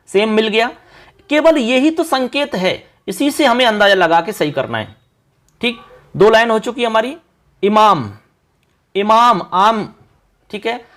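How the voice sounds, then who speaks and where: A male teacher leads an exam-prep lesson, reciting word forms in a slow sing-song chant. His voice sits high and his pace is unhurried. He stops between forms to explain how to remember each one. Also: fairly bright tone.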